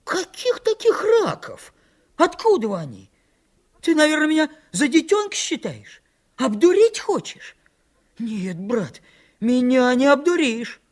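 A man's voice: very high-pitched, animated, slow, voice pushed up, heavily acted. Man doing a wailing frightened boy, Mitka. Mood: indignant wail. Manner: wailing, trembling voice.

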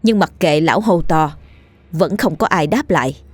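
A woman reading a ghost story in an even, measured way. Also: deep voice, husky, dry recording, soft background music. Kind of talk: scripted ghost story narration.

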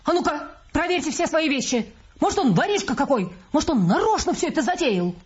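A woman voicing a loud, quarrelsome, bossy woman passenger who scolds and accuses in a high, shrill voice. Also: sing-song, a little fast. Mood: suspicious. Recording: muffled audiobook recording, faint music.

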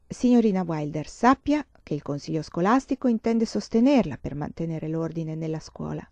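Woman reading as a grave, measured father. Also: low voice, expressive, mellow, no echo. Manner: slow, measured and serious. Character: calm, grave father on the school board. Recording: dull, dry lo-fi audiobook recording.

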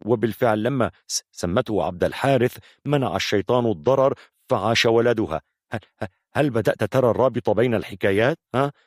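A man's voice: medium pitch, fast, dry recording, studio quality, natural voice. A man voicing a nervous male storyteller of hidden lore who stammers heavily on his first sounds. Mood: nervous, secretive. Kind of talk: audiobook character voice.

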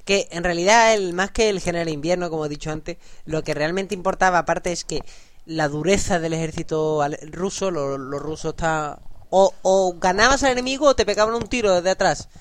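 A man, co-hosting a casual podcast and telling history stories in a lively way, often checking in with "¿vale?". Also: high voice, fairly quick. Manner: lively storyteller, peppers talk with "¿vale?" and slang. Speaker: podcast co-host.

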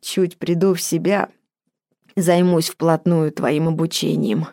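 A woman's voice: sits low, steady tone, slow pace, gravelly, warm tone, no echo, full character voice. A woman voicing a stern adult witch in an audiobook, dry and wry.

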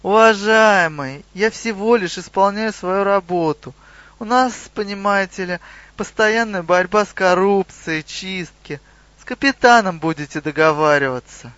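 A man's voice: sits high, normal speed, fairly bright tone, no echo, highs cut off. Man doing a smug centaur sergeant reading out rules, fussy polite. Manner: officious, formally polite. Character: young muscular male centaur sergeant, smug petty bureaucrat.

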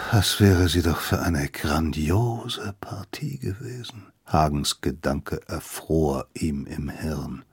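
A man narrates an audiobook in a deep, gravelly, husky voice. He reads slowly and dramatically, sometimes dropping to a hush. The sound is dry and close. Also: no room sound.

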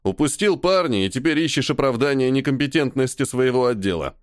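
A man's voice: medium pitch, expressive, a little fast, dry recording, clean studio sound, close to an everyday voice. A man reading an audiobook and voicing a stern, ironic army colonel who scolds his subordinate with weary irritation. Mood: irritated. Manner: sarcastic, commanding, weary sighs. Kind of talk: audiobook character voice.

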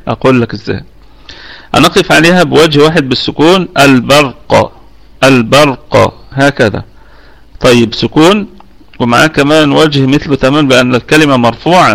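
A man with an Egyptian Arabic accent teaching an online tajweed lesson. He explains each rule step by step, repeats himself, and pauses on fillers. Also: mid-range voice, vocal fry, fairly bright tone. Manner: hesitant fillers while explaining. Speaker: Quran recitation teacher.

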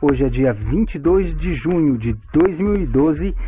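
A man hosting a radio show in a steady, formal announcer's voice, played back from a shortwave radio broadcast. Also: on the high side, measured pace, highs cut off.

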